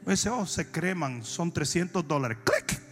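A Dominican man preaching, telling comic stories and breaking into long shouted cries. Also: on the high side, very animated. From Dominican Republic. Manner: shifts from shouted, drawn-out preaching to fast, joking anecdotes. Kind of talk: comic sermon storytelling.

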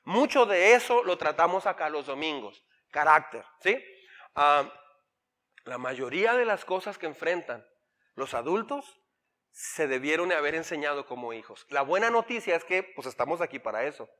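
Bright high-voiced pastor preaching. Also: male voice, moderate pace. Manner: animated, acts out parents and kids in quoted voices, asks the congregation questions. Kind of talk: sermon. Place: church hall.

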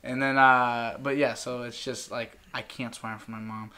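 A man's voice: medium pitch, level tone, bright, forceful tone, slight background noise. A young man hosting a podcast, rambling and joking in casual chat. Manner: rambling, joking, quick to laugh. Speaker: podcast host.

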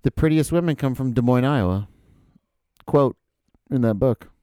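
A man's voice: mid-range voice, moderate pace, dark tone, no echo. A man co-hosting a podcast, chatting casually and rambling while swearing freely. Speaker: podcast co-host. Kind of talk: casual chat watching a movie.

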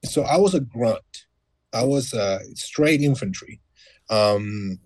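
A man in his mid-thirties, a guest telling his story in a relaxed, matter-of-fact way in a casual conversation. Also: on the low side, no room sound. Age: 30s. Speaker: guest, former Marine.

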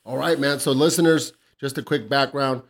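A man hosts a laid-back podcast, talking casually in slangy, sweary language and encouragingly chiming in with agreement often. His voice is medium-pitched and steady at a normal speed.

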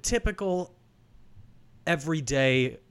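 A man's voice: a little high, lively intonation, slow pace, a bit bright, clean tone. A man co-hosting a podcast, chatting casually as he recaps a movie. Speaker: podcast co-host.

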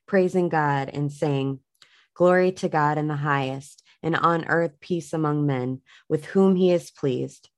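A woman hosting a show, reading Bible passages aloud and adding earnest, halting reflections with frequent fillers. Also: deep voice, darkish tone, no echo. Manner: earnest, halting with fillers when speaking off the cuff. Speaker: podcast host reading scripture.

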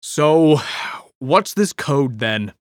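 A man voicing a frustrated, slightly drunk young woman, asking sharp, exasperated questions. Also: medium pitch, expressive, drawn-out words, no room sound, studio quality.

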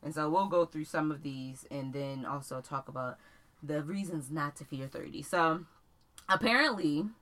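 A young woman in her twenties co-hosting a casual podcast chat. Her voice sits low but rings bright and forceful, and she drops into relaxed slang and laughs often. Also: normal speed. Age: 20s. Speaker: podcast co-host.

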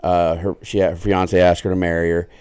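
A man's voice: deep voice, level tone, moderate pace, a little mellow, clean tone. A man with a Southern US accent co-hosting a casual podcast, swearing freely and telling a crude joke with rambling asides. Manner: crude, joking storyteller. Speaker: podcast co-host. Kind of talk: casual chat.

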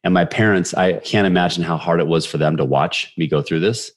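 Podcast guest, man in his 40s: very low, deep voice; brisk, animated storyteller. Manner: animated, quick storyteller who acts out quoted dialogue. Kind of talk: personal storytelling in a podcast interview.

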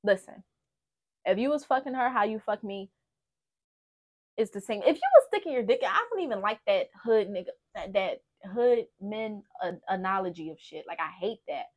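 With an animated, darkish mid-range voice at a normal speed, a woman hosts a podcast. She offers candid relationship talk, giving blunt and profane advice in a casual, emphatic manner.

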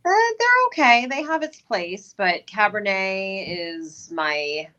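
Slow-talking woman guest on dull audio. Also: medium pitch. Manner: relaxed, unhurried, laughs along. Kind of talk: casual live chat.

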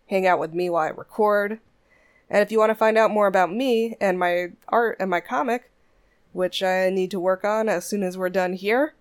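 A woman with a somewhat low voice hosts a music podcast in a relaxed, chatty way. She introduces songs with loose asides, small restarts and frequent laughs.

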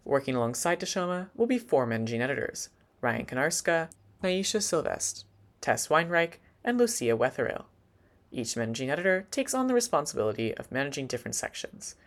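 A young man hosting a student news podcast, reading a scripted narration in a lively announcer style. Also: a little high, fairly quick, no room sound. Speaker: podcast host.

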